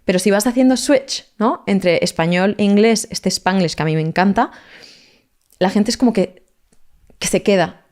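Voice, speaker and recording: Lively woman teaching languages. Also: mid-range voice, moderate pace. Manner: lively, explanatory, mixes in English words. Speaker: language teacher, guest expert. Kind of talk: podcast interview, explaining.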